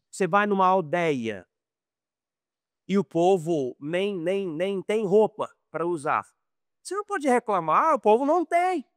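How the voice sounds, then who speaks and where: A middle-aged man with an American accent teaches a relaxed Bible lesson as a missionary. His voice sits high, and the recording is dry with no room sound. He talks conversationally, restarts words and slips into quoted dialogue. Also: no echo. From United States.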